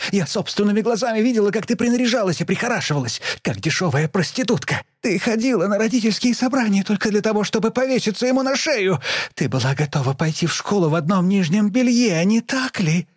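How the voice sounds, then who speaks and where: A shrill, furious teenage girl screams accusations, as a male reader puts her on. Her voice jumps far above a normal speaking register and cracks with rage. The delivery is dry and close, with no room around it. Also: lively intonation, fast talker, hardly any pauses, no echo.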